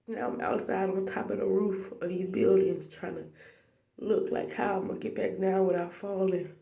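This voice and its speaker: Tearful, gravelly voice in an echoey bathroom. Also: medium pitch, steady tone, moderate pace, narrow, tinny audio. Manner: heartfelt, addresses viewers directly, sometimes drops to a whisper. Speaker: faith vlogger sharing a dream. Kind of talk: emotional spiritual testimony to camera. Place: small bathroom.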